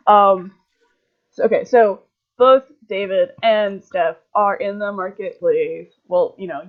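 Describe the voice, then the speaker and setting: Woman game master, chatty and rambling, casual narration on a dull lo-fi call line. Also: fairly low pitch. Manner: rambling, heavy on filler words.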